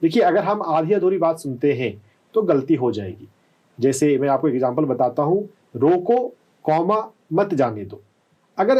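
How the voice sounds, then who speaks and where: A man working as a doctor, calmly explaining answers to callers on a live health call-in show and often checking with "है ना?". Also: fairly high pitch, highs cut off. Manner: calm, explanatory, often asks "है ना?".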